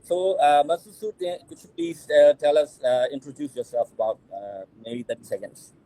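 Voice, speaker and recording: A man's voice: fairly high pitch, lively intonation, moderate pace, dark tone, rough recording. A man with a Burmese accent co-hosts a live-streamed panel, speaking hesitant English and often repeating his words. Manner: hesitant, repetitive non-native English. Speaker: club leader and co-host.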